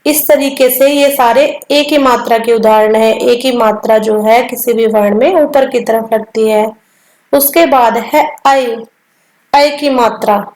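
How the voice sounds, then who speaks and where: Woman teacher, high voice, slow deliberate lesson pace, repeats each sound, echoey room. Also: a little mellow. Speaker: Hindi teacher.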